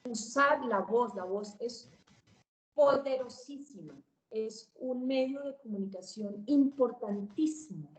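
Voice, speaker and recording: A woman teaching a public speaking webinar, swinging her pitch, volume and pace to demonstrate. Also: slow, echoey room, rough recording. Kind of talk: webinar lesson.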